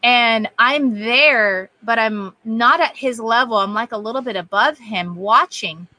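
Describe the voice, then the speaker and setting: Bright, high-voiced animated woman. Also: a little slow. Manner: animated, quotes voices, laughs easily. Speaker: guest sharing testimony. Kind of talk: casual storytelling chat.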